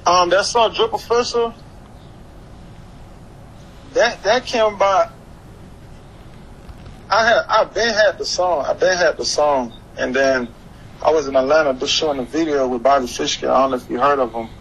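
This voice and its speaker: In a casual chat as an interview guest, a young man speaks in a fairly high, fairly bright voice at normal speed, leaving long pauses. He's a hip-hop artist from Haiti who moved to the US at eleven and lives in Florida, using slang, repeating phrases and often saying "you know what I'm saying." The background is clearly noisy.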